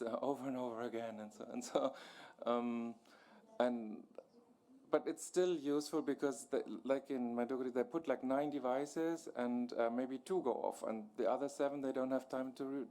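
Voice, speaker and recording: Man answering at a panel, halting. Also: mid-range voice, warm tone. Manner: explanatory, many restarts and fillers.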